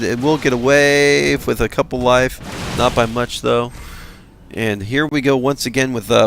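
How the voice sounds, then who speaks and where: A man giving casual commentary on a strategy game replay, tired and halting, with many fillers. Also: mid-range voice, a bit bright, slight background noise. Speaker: game caster.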